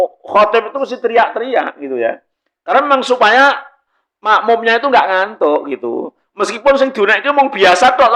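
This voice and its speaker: A man's voice: very high-pitched, pushed and bright. A middle-aged man with a Javanese accent giving a religious study talk, chatty and joking, laughing often and slipping into Javanese. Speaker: preacher.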